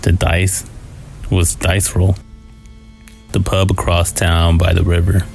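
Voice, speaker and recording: A man reading a scripted first-person scary story in a low, haunting, somber manner. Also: completely flat delivery, slow pace, gravelly, a little mellow. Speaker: horror story narrator. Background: music.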